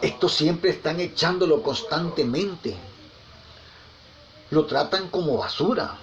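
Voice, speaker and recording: A man preaching in a gravelly, fairly high voice, telling folksy anecdotes and dropping tag questions as he goes. He often repeats and restarts his words. The recording is a little dull and lo-fi, with faint ambience behind him. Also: takes it slowly. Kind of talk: conversational sermon.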